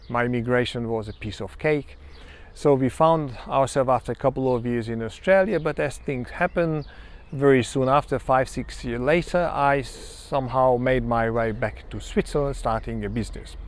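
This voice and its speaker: Reflective Hungarian-accented man. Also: medium pitch. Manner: measured and reflective, many ums and pauses. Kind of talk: personal self-introduction monologue.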